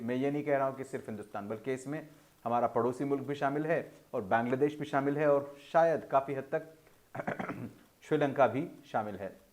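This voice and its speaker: A man teaching English pronunciation in a video lesson, explaining in a formal tone with Urdu-flavoured words and slowly drawing out each example word. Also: medium pitch, a little mellow. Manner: slow, drawn-out model pronunciations between explanations.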